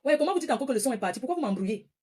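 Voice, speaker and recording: Very fast and lively, a high, husky, slightly mellow woman's voice fires off a confrontational rant on a live stream. This social media livestreamer, in her forties and from northern France, scolds repetitively, restating her points over and over.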